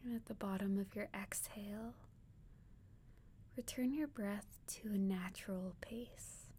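A woman guides a meditation in the manner of a sleep-story narrator, speaking in a soft, breathy near-whisper that is gentle and soothing, with long pauses. Her voice is mid-range with fairly even intonation, and there's a faint hiss or hum in the recording.

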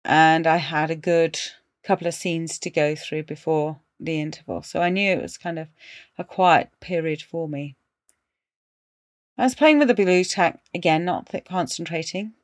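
A woman's voice: sits low, normal speed, no echo, studio quality. Woman telling a ghost story. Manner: animated storytelling, dropping to hushed tones for suspense. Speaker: podcast host. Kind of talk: casual spoken ghost story.

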